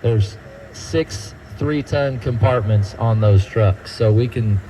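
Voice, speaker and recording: Man, mellow, easygoing guide, faint outdoor hiss. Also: lowish voice, takes it slowly, low-quality recording. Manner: folksy, quizzes the crowd. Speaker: tour guide at a feed mill. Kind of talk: guided tour talk to a group.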